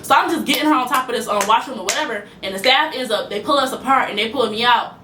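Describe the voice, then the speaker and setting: A young woman telling an animated story to the camera, acting out the quotes, in an echoey room. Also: on the high side, a little hiss or hum. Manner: animated, fast-talking, acts out quotes. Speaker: storytime vlogger.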